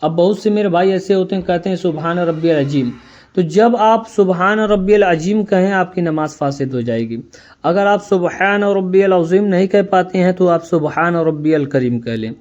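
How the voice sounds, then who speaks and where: A man with a slightly high voice teaches prayer one step at a time. He explains in plain words and recites the Arabic prayers slowly. The recording sounds dull and lo-fi. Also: a little mellow. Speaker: religious instructor. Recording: dull lo-fi audio.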